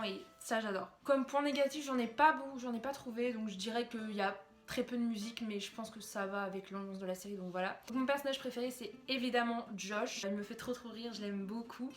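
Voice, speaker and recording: In an echoey room, a young woman from France speaks casually to camera in a slightly bright, higher-pitched voice. As a YouTuber she runs through TV series, often restarting and filling pauses.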